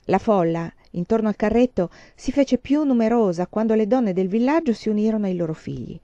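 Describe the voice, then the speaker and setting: A woman reading a novel aloud in a calm, measured storytelling manner. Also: mid-range voice, no room sound, lo-fi sound. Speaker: audiobook reader.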